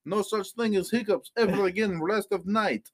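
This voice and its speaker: A young man co-hosting a podcast in casual chat, joking, swearing and laughing loudly. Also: high-pitched, moderate pace. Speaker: podcast co-host.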